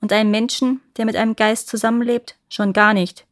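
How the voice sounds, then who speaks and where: A woman's voice: fairly high pitch, flat delivery, fairly quick, no room sound, clean studio sound, close to an everyday voice. A woman voicing a distrustful male royal vizier who gives warnings. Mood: suspicious. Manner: suspicious, warning.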